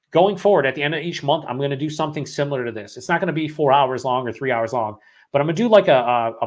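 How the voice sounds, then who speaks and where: A man with a sore throat after hours of talking, hosting a live beer-review stream, rambling and swearing as he reads chat comments aloud. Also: medium pitch.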